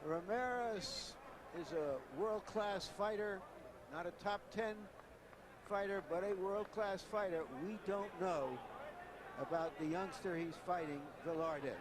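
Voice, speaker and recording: A man giving live analytical boxing commentary with deliberate, emphatic phrasing. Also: high-pitched. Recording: clear arena noise behind voice.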